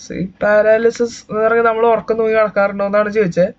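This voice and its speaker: A man's voice: high voice, flat delivery, fast talker, highs cut off. A young man and YouTube gamer giving chatty, joking let's-play commentary, talking to his viewers as guys.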